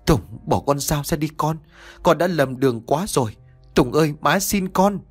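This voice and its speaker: A tearful middle-aged mother pleads and confesses to her son in an audio story, as a male narrator puts her on. The voice is husky with lively rises. Faint music plays behind. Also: on the high side, moderate pace, voice pushed up. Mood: pleading.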